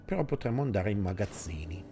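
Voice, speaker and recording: Low-pitched Italian gamer thinking aloud. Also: male voice, animated, quick pace, dark tone, slight background noise. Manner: thinking aloud in short phrases. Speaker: gaming video host. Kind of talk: casual gameplay commentary. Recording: music behind the voice.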